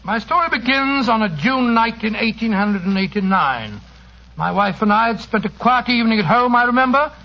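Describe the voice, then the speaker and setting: A man's voice: very high voice, expressive, moderate pace. A man playing a genial older English doctor who tells of his past adventures in an avuncular, fussy manner, in 1940s radio drama style. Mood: genial, reminiscing. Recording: dull old radio broadcast.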